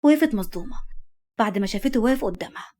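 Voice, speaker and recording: A woman's voice: on the high side, animated, racing, darkish tone. A woman with an Egyptian Arabic accent doing dramatic scripted narration of a romance story.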